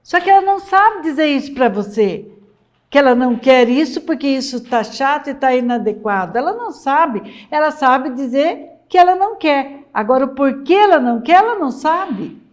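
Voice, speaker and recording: A woman's voice: sits high, lively intonation, normal speed. A middle-aged woman with a Brazilian accent, a literacy educator giving an emphatic lesson for mothers and repeating her key points. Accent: Brazilian Portuguese. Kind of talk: talking-head lesson for mothers.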